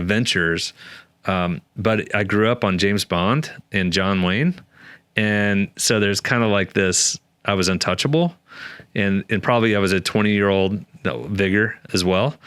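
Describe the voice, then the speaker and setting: Brief: very low, resonant male guest, dry close sound, chatty storyteller who restarts his sentences. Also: clean tone, dry recording. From Oklahoma, USA. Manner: animated, many restarts and fillers. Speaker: author and guest. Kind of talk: conversational storytelling interview.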